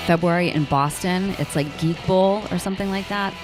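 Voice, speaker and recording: A woman's voice: fairly low pitch, a little fast, music in the background. A woman co-hosting a podcast, chatting casually and making dry, wry remarks. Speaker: podcast co-host. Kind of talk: casual chat.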